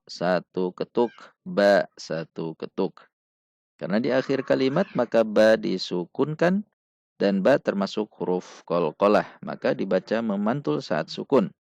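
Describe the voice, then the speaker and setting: A man's voice: fairly low pitch, creaky, a little mellow, dry recording, dull audio. A man teaching Quran recitation in a patient, step-by-step lesson, drilling syllables and counting beats aloud. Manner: chants verses in drawn-out melodic recitation. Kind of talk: slow step-by-step tajwid lesson.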